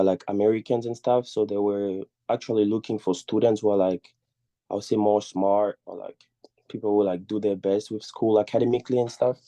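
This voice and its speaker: Dark-voiced young Congolese man. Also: on the low side, no echo. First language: not English. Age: young adult. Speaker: student speaker sharing their journey. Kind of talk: informal personal storytelling. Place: online video call.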